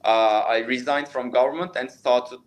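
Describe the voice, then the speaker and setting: This is a plastic surgeon from Turkey, in his thirties, responding at length to interview questions in English with a Turkish accent, often using fillers and restarting. His medium-pitched voice keeps fairly even intonation and a normal speed.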